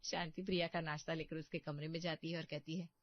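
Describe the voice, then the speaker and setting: A woman's voice: low-pitched, flat delivery, fast, no echo, muffled recording. A woman narrating a scripted cartoon story in a plain, matter-of-fact way.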